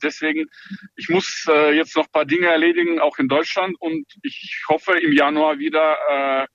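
Man, gravelly and fairly high, halting answers over a dull lo-fi line. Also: fairly bright tone, no echo. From Ukraine. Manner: halting, many hesitations. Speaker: farm manager interviewee.

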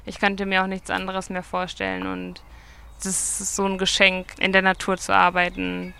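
A woman's voice: mid-range voice, monotone, moderate pace, creaky, bright, forceful tone, clean tone. A woman in her twenties, a market gardener, answering interview questions outdoors in a chatty, self-correcting way. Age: 20s. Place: outdoors at a vegetable field.

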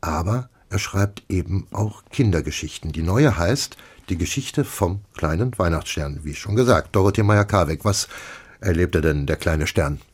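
A man's voice: sits low, animated, moderate pace, husky. A man hosting a radio book segment, introducing and questioning a guest. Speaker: radio host. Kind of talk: radio presentation.

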